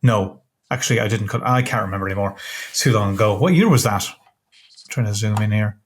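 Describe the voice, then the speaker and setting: An Irish man hosting a relaxed interview, talking in a halting way and often stopping to restart his sentences. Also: on the low side, slight background noise. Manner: hesitant, halting, full of self-interruptions. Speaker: podcast host interviewing a comics artist. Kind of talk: casual interview chat.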